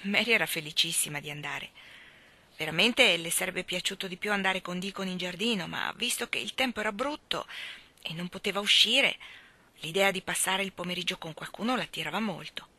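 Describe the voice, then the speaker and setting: A woman reading a classic novel aloud in a calm, even storytelling voice. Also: fairly low pitch, brisk.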